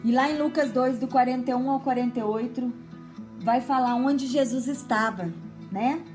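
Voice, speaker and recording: A woman's voice: high-pitched, moderate pace, over music. A woman with a Brazilian Portuguese accent giving a conversational sermon to mothers, often checking in with her listeners. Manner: chatty teaching tone with frequent tag questions. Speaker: women's ministry preacher.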